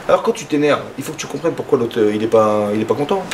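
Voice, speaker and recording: A man giving a lively sermon as a rabbi, acting out little dialogues in his talk. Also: fast, slight background noise. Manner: animated, acts out dialogues with rising pitch.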